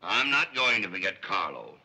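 An actor playing an exasperated wealthy father in a 1930s screwball film, gruff and blustering, with a gravelly voice. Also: deep voice, sing-song, moderate pace, sharp tone, exaggerated voice, rough recording.

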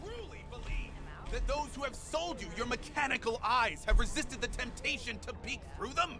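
A brooding game character with a very high, soft voice, who unspools grave warnings in slow, measured phrases. Music plays clearly behind him. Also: male voice, expressive. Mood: ominous. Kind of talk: video game dialogue.

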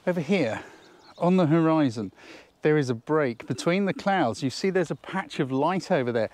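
On a countryside hillside, a photography tutor gives an enthusiastic, chatty lesson for an instructional outdoor vlog, thinking aloud as he works. His voice is fairly high and a little mellow, with no echo.

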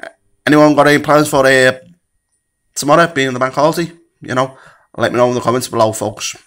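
A man's voice: medium pitch, fairly quick, fairly bright tone. A man talking to his viewers in a casual, blunt, sweary vlog rant. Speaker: vlogger.

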